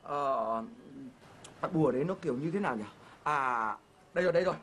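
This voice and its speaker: A woman performs a comic skit, talking fast and joking with laughter through her lines. The recording carries steady background noise. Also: low voice. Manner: bantering, bursts of laughter. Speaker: comedy sketch performer. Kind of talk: comic sketch acting. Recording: noisy live recording.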